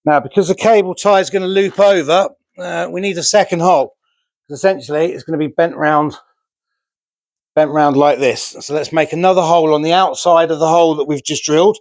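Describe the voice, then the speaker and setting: A man's voice: fairly high pitch, fairly even intonation, a little fast, a little mellow, dry recording. A man casually talking through a DIY build as he works, chatty and self-deprecating, on a remote mic. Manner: chatty, self-deprecating, talks while working with hands. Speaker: DIY vlogger. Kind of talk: casual how-to narration while building.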